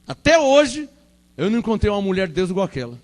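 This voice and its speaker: A man in his forties with a Brazilian Portuguese accent, preaching a Pentecostal sermon fervently, repeating phrases and swinging between loud proclamation and quiet asides. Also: high-pitched, very animated, fast talker. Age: 40s. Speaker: pastor.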